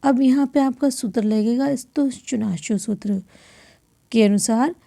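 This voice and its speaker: Unhurried and warm, a woman whose fairly high voice has a gravelly edge leads a classroom grammar lesson. Rule by rule, she poses questions and supplies the answers, occasionally clearing her throat and correcting minor slips along the way.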